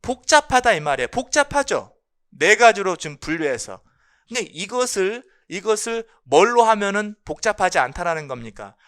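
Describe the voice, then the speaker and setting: A man teaches an exam-prep class, his pitch jumping around animatedly. His voice is bright and crisp, and he keeps asking questions and then answering them himself. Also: moderate pace. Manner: lively, repeats key points, asks and answers his own questions. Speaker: English linguistics lecturer. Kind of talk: exam-prep lecture explaining phonology.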